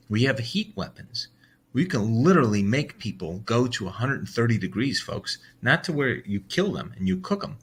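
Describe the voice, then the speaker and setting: A man's voice: fairly low pitch, pushed and bright, husky. An American man hosting a daily bible reading, talking in a heated, blunt way with swearing and many restarts. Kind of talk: ranting casual monologue.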